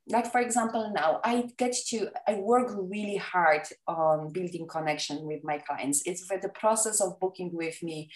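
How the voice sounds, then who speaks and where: Recorded off the mic and from a distance in an echoey room with faint music, a woman from Poland speaks in a lowish voice with a Polish accent. She works as a wedding photographer and is an eager podcast guest in a casual interview, using many fillers and restarts.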